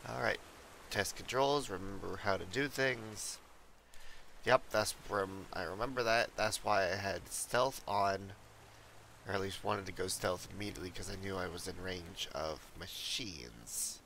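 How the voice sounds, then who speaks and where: A man's voice: sits low, unhurried, gravelly, pushed and bright, slight background noise. A young man recovering from a cold, rambling casually to his viewers while streaming a game from a desk mic. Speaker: livestreamer. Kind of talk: casual gameplay commentary.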